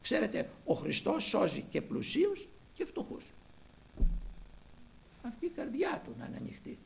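A man preaching a sermon, retelling scripture dramatically and swinging between loud and hushed delivery. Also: very high voice, huge pitch swings, vocal fry.

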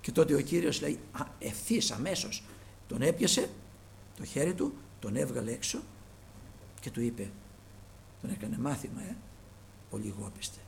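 A man preaching a sermon, emphatic and moving between loud and hushed, repeatedly addressing the brethren. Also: medium pitch, sing-song, vocal fry, long pauses, slight background noise.

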